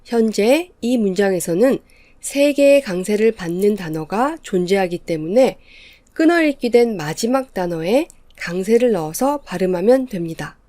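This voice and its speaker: A woman lecturing as an English teacher, explaining in an even, measured way. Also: mid-range voice, dry recording. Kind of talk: scripted lecture narration.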